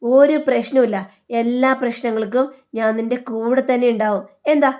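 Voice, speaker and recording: A woman's voice: fairly high pitch, steady tone, moderate pace, darkish tone, natural voice. A woman reading the lines of a reassuring young husband in a TV serial recap, firm and protective.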